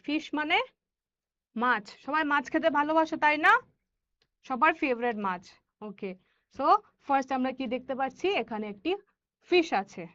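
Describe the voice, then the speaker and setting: A woman English teacher with a Bengali accent and Bengali as her first language, teaching children, reading words slowly and deliberately with quicker asides. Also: high voice, a bit bright, highs cut off. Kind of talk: classroom lesson for children.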